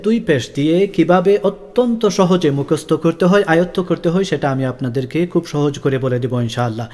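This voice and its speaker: A man teaching Quran letter sounds in a recorded lesson, patiently repeating each sound slowly. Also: on the high side, a little mellow, long reverb tail.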